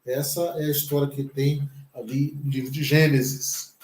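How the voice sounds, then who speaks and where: A man's voice: mid-range voice, flat delivery, moderate pace, darkish tone, echoey room. A Brazilian pastor teaching a Hebrew lesson, patient and careful, repeating each word several times as he explains it. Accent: Brazilian Portuguese. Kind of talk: slow classroom lesson.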